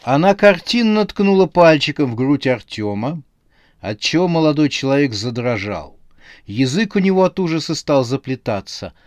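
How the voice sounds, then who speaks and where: A man narrating a comic horror novel as an audiobook with expressive, lively storytelling. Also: a little high, normal speed, dry recording.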